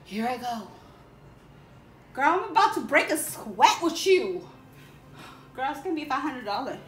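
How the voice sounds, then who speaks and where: A woman's voice: high-pitched, sing-song, a little slow, fairly bright tone, full character voice. A woman playing a boastful salon stylist in a comedy sketch, with sassy, theatrical drag-queen manner and honey-this, girl-that talk. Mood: sassy, bossy. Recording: echoey room with faint background noise.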